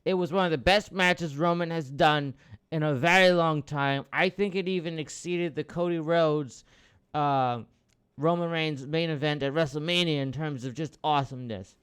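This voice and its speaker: A man hosting a podcast, talking casually about wrestling in a rambling way with restarts, bursting into loud, excited outbursts and the odd swear. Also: fairly high pitch, moderate pace, clean tone. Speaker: podcast host.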